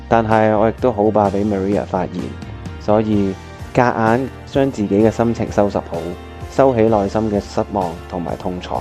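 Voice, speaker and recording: In a scripted radio drama with piano music behind him, an actor with a Hong Kong accent plays a lovesick, heartbroken young pianist who hides his feelings. He narrates earnestly and melodramatically in a fairly low, dark voice that stays close to his everyday sound.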